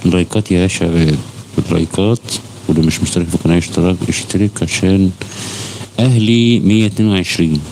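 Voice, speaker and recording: Fast-talking low-voiced Egyptian man. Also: fairly even intonation, warm tone, a little hiss or hum. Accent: Egyptian Arabic. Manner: chatty, addresses viewers by name, swears oaths often. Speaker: football channel host. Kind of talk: casual live-stream chat.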